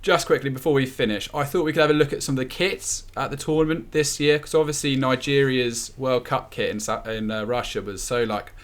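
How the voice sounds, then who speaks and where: A man hosting a casual football podcast, chatty and quick to laugh, with many restarts. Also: medium pitch. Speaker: podcast host.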